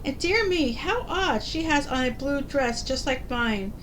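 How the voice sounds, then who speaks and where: An innocent young wife from a storybook, acted by a woman reader, full of simple wonder. Her voice is high, with clear rumbling noise underneath. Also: animated, unhurried. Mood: astonished delight. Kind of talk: storybook character reading. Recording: loud low rumbling background noise.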